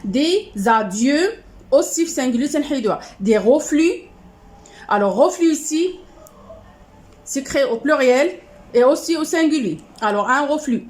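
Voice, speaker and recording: High-voiced Moroccan woman teaching a lesson. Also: expressive, darkish tone. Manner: patient, repeats each word then its rule, asks "c'est bon?"; switches into fast Moroccan Arabic asides. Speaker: primary school teacher. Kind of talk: classroom lesson correcting exercises.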